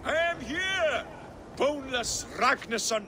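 A man's voice: extremely high pitch, animated, takes it slowly, noisy background, exaggerated voice. An actor playing a proud, defiant older British king in a video game, declaiming haughtily. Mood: haughty defiance.

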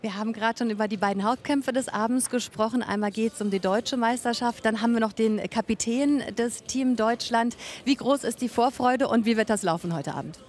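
A woman's voice: on the high side, fairly quick, few pauses, darkish tone. A woman in her thirties presenting live as a sports reporter at ringside, using a handheld microphone. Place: ringside in an event hall.

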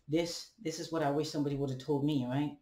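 Reflective and deliberate, this young adult Ghanaian vlogger talks haltingly to his webcam, frequently asking rhetorical questions and adding "right?". His voice is a little high with a dark tone, fairly even intonation, and a Ghanaian accent; the webcam sits at a distance in an echoey home room with bare walls and a ceiling fan.

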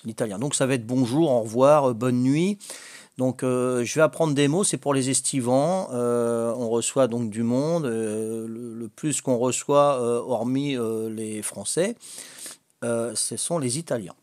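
At a measured pace, an older language-learning vlogger with a Corsican French accent chats casually on a home video. His medium-pitched voice is a little mellow. He's hesitant and jokey, with frequent fillers and restarts, and the recording is studio quality with no echo.

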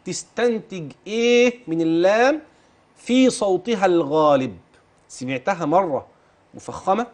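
High-voiced Egyptian tajweed teacher. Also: male voice, animated. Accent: Egyptian Arabic. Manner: patient, questioning and drilling the listener; stretches words slowly when reciting examples. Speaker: Quran recitation teacher. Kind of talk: tajweed lesson, modelling recitation.

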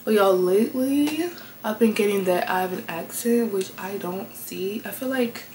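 A woman host reading online confessions aloud from her bed, casual and slangy, reacting out loud as she reads. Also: medium pitch, normal speed, background noise. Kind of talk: casual chatty commentary.

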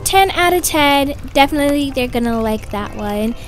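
A woman with a high-pitched, animated voice at normal speed plays a perky, self-satisfied kindergarten teacher in a doll-game roleplay story. Pleased and chatty, she admires herself while giving instructions, with soft background music underneath.

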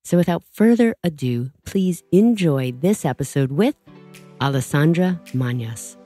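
Low-voiced chatty woman host. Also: expressive, unhurried, mellow, faint music behind. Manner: chatty and enthusiastic, with frequent fillers and laughs. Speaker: podcast host. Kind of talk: casual podcast intro monologue.

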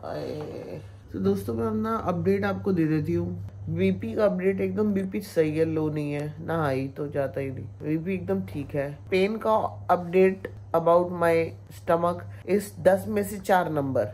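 A woman's voice: fairly low pitch, normal speed, mellow. Weak, feverish woman vlogging at home. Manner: chatty, mixes English phrases into talk. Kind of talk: casual chat to camera. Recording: noisy home recording.

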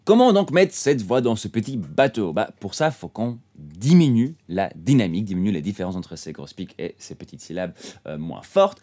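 A man teaching audio mixing in a relaxed tutorial style, often dropping a quick "hop" as he demonstrates. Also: lowish voice. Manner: relaxed explaining, frequent "hop" interjections. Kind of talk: tutorial explanation.

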